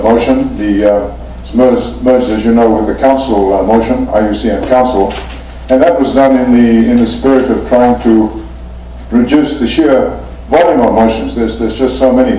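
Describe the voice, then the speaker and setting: A man runs a formal meeting in a polite, measured voice, pausing often as he speaks. His tone is mellow. He sounds set back from the mic in an echoey conference room with a faint hum of ambience. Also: medium pitch, far from the mic. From Fiji. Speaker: meeting chair.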